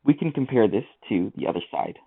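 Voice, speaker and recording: A man's voice: on the low side, lively intonation, a little fast, gravelly, slightly rough. A man teaching a math lesson, talking through each step of the working aloud. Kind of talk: screen-recorded lesson walkthrough. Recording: tinny lo-fi mic.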